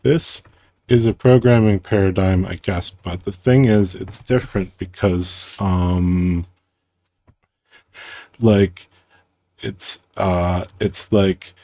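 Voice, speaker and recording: A man explaining his own programming system in a casual, rambling way, halting and restarting often, with a playful tone. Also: low voice, steady tone, warm tone, no echo. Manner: halting, self-interrupting, playful, muses aloud.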